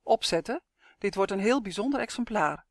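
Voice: medium pitch, lively intonation, moderate pace, no echo, clean studio sound, lightly acted. A reader voicing a friendly but eerie elderly male neighbor who speaks mildly and matter-of-factly. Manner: mild, matter-of-fact, oddly cheerful. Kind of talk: audiobook character voice.

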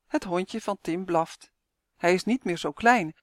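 A woman author reading her own children's storybook aloud, clear and expressive. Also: fairly low pitch, a little slow, no room sound, studio quality. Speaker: author and narrator.

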